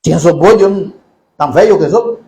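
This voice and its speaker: A preacher acting out a gruff father who brushes off a neighbor's child, in a blunt, dismissive way, in an echoey hall. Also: high-pitched, measured pace, mellow, voice pushed down. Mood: scornful. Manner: brusque, dismissive. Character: gruff middle-aged father scolding a stray kid.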